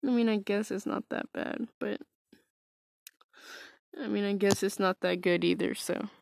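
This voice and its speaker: A woman's voice: mid-range voice, steady tone, normal speed, creaky, no echo, clean studio sound. A woman casually telling a personal story, hesitant and wry, full of fillers and restarts. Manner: wry, self-mocking.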